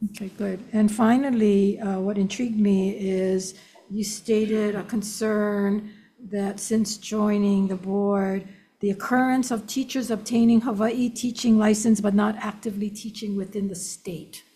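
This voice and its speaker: A woman in her sixties chairing a legislative hearing at a desk microphone, questioning in a measured, formal way. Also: mid-range voice, steady tone, dark tone, husky. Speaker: committee chair. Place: hearing room.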